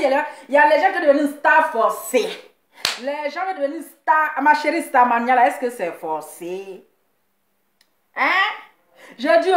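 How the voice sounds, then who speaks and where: A woman's voice: high voice, reverberant. A woman hosting a live show, teasing and mocking in a sing-song voice, repeating her phrases.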